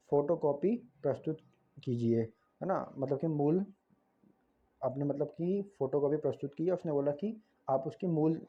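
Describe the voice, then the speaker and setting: A man's voice: fairly high pitch, husky, dull audio. A man teaching a lesson in a casual, explanatory way, often asking "right?" and correcting himself as he goes. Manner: conversational, frequent tag questions and self-corrections. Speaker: tutor.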